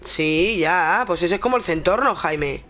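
A young woman with a Spain Spanish accent streams a video game, chatting casually and informally and swearing as she plays. Her fairly low, expressive voice has a fairly bright tone and a measured pace, with game music behind her and slight background noise.

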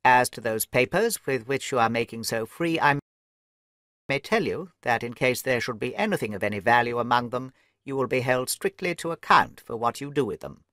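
A man voicing a miserly, irritable little old lord with a sharp, crackling voice and a blustering manner. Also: expressive, moderate pace, no echo, clean studio sound. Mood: shrill angry. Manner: blustering, shrill when angry.

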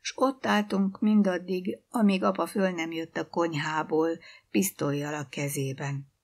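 Lower-voiced woman narrator, measured audiobook reading. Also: fairly even intonation.

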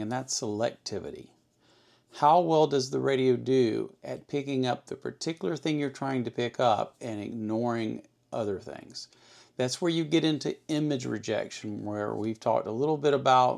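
Hosting an electronics hobby channel, this man gives a relaxed hands-on demo, often explaining by posing questions and answering them himself. His mid-range voice carries some vocal fry and a slightly mellow quality.

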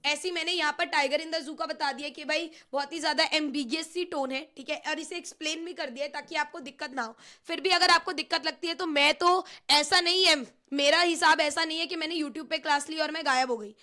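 Bright-voiced chatty teacher woman. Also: high voice, steady tone, brisk, few pauses. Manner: chatty, teasing, switches into English phrases. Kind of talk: live online exam revision class.

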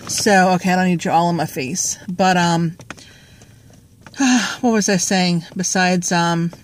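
Her voice sits on the low side and moves a little slowly, with a bit of hiss or hum in the audio. She's a vlogger chatting to a phone held at arm's length from a parked car, rambling and joking with plenty of filler words.

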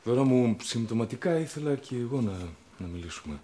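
A man's voice: medium pitch, expressive, mellow, reverberant, close to an everyday voice. An actor playing a man who apologises for being late and stalls before a serious talk. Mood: evasive. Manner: evasive, apologetic. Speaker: actor in a TV comedy series. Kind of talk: sitcom acting.

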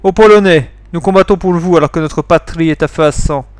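A man voicing a bitter Polish soldier on trial, in a put-on Slavic accent, slow and proud. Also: fairly high pitch, no echo, close to an everyday voice. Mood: defiant.

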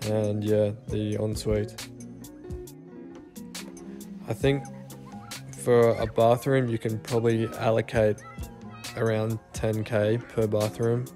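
A young Australian man giving a relaxed, self-deprecating voice-over walkthrough of his renovated house. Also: lowish voice, takes it slowly, pauses often. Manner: laid-back, self-deprecating. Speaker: home renovation vlogger. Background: soft guitar music.

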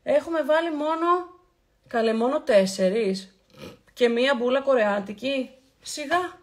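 A woman's voice: high-pitched, animated. Chatty woman hosting a live skincare stream. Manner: chatty and affectionate, greets viewers by name; playful, repeats words for emphasis. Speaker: beauty livestream host. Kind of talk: casual live skincare chat.

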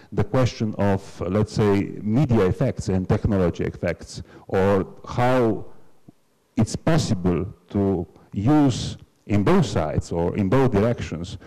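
A man with a Slovenian accent moderating a university panel, speaking haltingly with many fillers. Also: lowish voice, warm tone. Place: lecture hall panel. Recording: long hall reverb.

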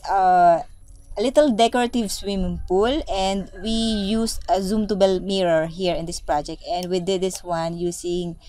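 A woman's voice: fairly low pitch, a little mellow. A woman giving a casual screen-share tutorial as a lighting designer, chatting and thinking aloud as she browses her files.

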